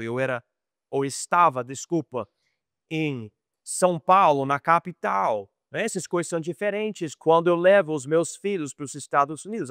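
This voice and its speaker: A middle-aged man with an American accent teaches a relaxed Bible lesson as a missionary. His voice sits high, and the recording is dry with no room sound. He talks conversationally, restarts words and slips into quoted dialogue. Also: no room sound. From United States.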